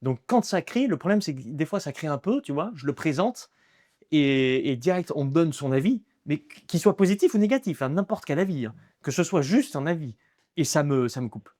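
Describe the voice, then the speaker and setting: A man's voice: fairly high pitch, expressive, a little fast, warm tone, no room sound, clean studio sound. A young man speaking as a guest in a casual interview, hesitant and full of restarts and repeated words. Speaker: guest, aspiring comedian.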